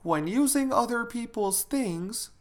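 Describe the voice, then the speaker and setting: A firm, questioning mother, played by a male lecturer in a lesson, her voice raised well above his usual pitch. She speaks clearly and steadily, asking her child direct questions. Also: animated, unhurried. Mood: calm questioning. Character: stern but patient mother.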